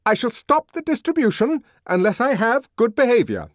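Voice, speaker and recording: A man's voice: high-pitched, huge pitch swings, measured pace, no room sound, clean studio sound, voice pushed up, full character voice. A man voicing a fussy, officious young male clerk in an audiobook, both bossy and nervously placating. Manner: officious, clipped, wheedling.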